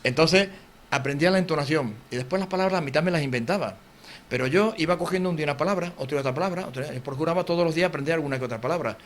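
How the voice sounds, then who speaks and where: Fast-talking Andalusian man, TV guest. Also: on the high side, a little hiss or hum. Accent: Andalusian Spanish. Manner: fast, animated, acts out quotes and sounds. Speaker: author, interview guest. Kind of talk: TV interview, casual explanation. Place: local TV studio.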